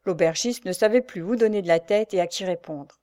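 A woman reading a novel aloud in calm, measured narration. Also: lowish voice, dry recording, clean studio sound. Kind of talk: scripted audiobook narration of a novel.

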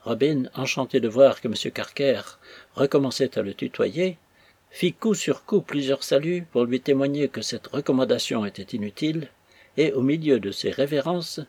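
Husky male audiobook narrator. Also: mid-range voice, darkish tone, dry recording. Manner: measured, literary storytelling. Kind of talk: audiobook reading of a classic novel.

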